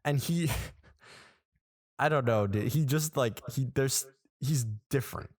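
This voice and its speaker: A mid-range voiced man in his twenties speaks slowly on a podcast he co-hosts from a small room, with clean studio sound and no room tone. In casual chat he tells animated stories, acting out the reactions he quotes.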